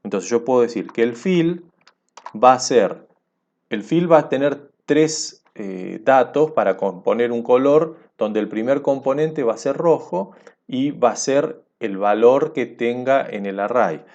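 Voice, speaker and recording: A man's voice: mid-range voice, expressive, a little slow, a little mellow, lo-fi sound. A man teaching a programming lesson over a screencast, explaining step by step and checking in with his listeners.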